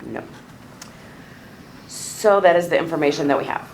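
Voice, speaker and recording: A woman chairing a meeting, casual and unhurried. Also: deep voice, slight background noise, poor audio. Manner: slow, casual, laughs easily. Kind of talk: running a meeting. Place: meeting room.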